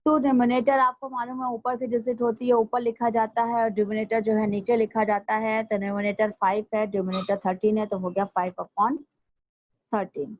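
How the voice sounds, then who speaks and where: A fairly high-voiced woman teaching a recorded maths class, patient and methodical, going through each step and repeating it slowly. The sound is dry and a little dull, like a lo-fi home recording. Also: level tone, dry recording. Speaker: school teacher. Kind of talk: recorded online maths lesson.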